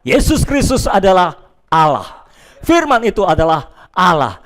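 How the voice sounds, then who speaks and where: A male pastor preaching a sermon to a church and viewers at home, emphatic, dropping between loud declarations and quiet asides. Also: high-pitched, very animated, measured pace.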